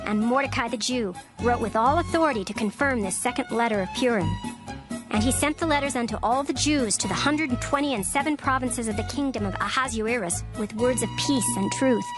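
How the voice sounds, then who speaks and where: Clear music runs underneath throughout as a woman narrates scripture. She sounds slightly high-pitched and keeps a steady, formal delivery, measuring every phrase with care.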